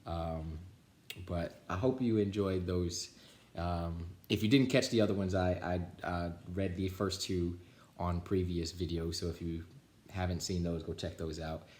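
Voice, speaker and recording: Indoors at home, in an echoey room, a man reads a children's storybook aloud with animation and chats casually with his viewers before signing off. His voice is low and darkish in tone, with fairly even intonation and a slightly slow pace.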